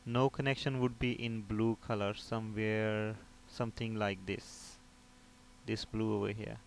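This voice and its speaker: A lowish, level, unhurried voice belongs to a repair technician instructor leading an informal technical tutorial step by step. He keeps things explanatory, often asking himself a question and then answering it, with a clear background behind him.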